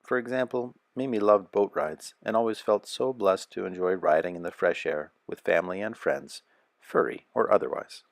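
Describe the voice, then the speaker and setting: A storybook narrator reads a scripted children's story in a deep, slightly gravelly male voice. His delivery is measured and expressive. The sound is close and dry, with very little room around it.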